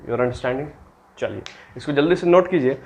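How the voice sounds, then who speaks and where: A man's voice: medium pitch, lively intonation, normal speed, gravelly, a little mellow, a little hiss or hum. A man teaching a maths class, mixing in English terms and answering his own questions for the students. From Bihar, India. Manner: asks students questions and answers them himself; mixes English terms into Hindi. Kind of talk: classroom lecture.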